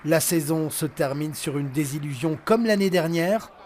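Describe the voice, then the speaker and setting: A man narrates a sports news report in a measured, dramatic way. His voice sits a little high. Faint noise hangs behind him. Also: darkish tone.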